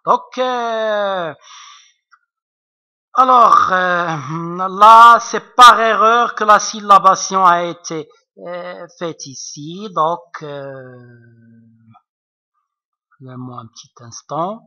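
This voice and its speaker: Slow, bright-toned male teacher, hesitant. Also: high-pitched. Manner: hesitant, many fillers, keeps checking understanding. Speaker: French literature teacher. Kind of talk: recorded online lesson. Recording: dull lo-fi recording.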